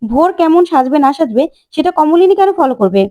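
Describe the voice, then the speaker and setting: A woman's voice: sits high, animated, a little fast, mellow, voice pushed up. A woman voicing a protective, hot-tempered middle-aged uncle in a retold family serial. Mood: firm. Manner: firm, insistent.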